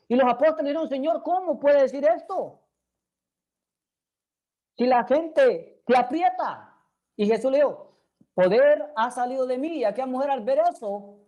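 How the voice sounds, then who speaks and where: A woman's voice: high-pitched, warm tone. A woman preaching a sermon in Spanish. She speaks earnestly and keeps turning to her listeners with direct questions.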